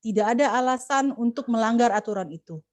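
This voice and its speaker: A woman's voice: a little high, brisk, a little mellow, no room sound. Earnest woman giving a webinar talk. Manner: earnest, preachy, many fillers and restarts. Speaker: communication expert speaker at a women's webinar. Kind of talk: webinar talk to mothers, religious advice.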